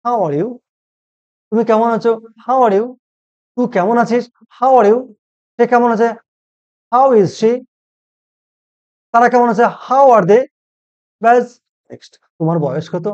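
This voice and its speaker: A man teaching a spoken English lesson, who asks each question and then says it slowly in English, and keeps calling it easy. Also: extremely high pitch, darkish tone, muffled recording.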